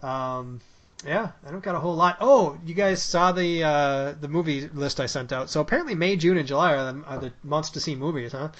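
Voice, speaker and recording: A slightly dull recording of a man with a fairly high voice. He hosts a loose chat among friends, teasing and joking as he goes. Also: a little fast. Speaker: podcast host. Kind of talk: casual movie chat with friends. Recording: muffled lo-fi recording.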